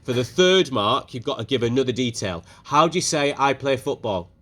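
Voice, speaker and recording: Brisk male teacher in a classroom. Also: mid-range voice, animated, fairly bright tone. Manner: brisk and encouraging, asks the class questions. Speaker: French teacher. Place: school classroom.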